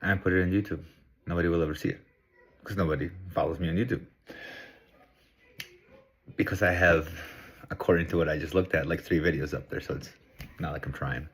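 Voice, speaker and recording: A man's voice: sits low, fairly even intonation, a little fast, long pauses, slightly rough. A middle-aged man from Peru, talking to camera in a casual, earnest, reflective monologue. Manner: earnest, reflective, thinking aloud. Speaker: vlogger.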